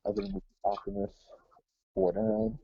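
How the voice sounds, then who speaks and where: A man's voice: lowish voice, big pitch swings, unhurried, creaky, breathy edge. A man calling in to a board game, his voice muffled as if heard through a wall because his hand covers the mic, giving short, hesitant moves and questions. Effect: muffled, as if through a wall, hand over the mic. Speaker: board game opponent on a call. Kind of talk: casual game talk. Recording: dull, muffled, distant sound.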